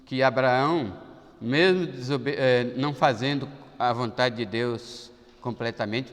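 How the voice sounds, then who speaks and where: A man's voice: mid-range voice, fairly bright tone, long reverb tail. A man with a Brazilian Portuguese accent, a pastor giving a sermon in a folksy, chatty way with asides.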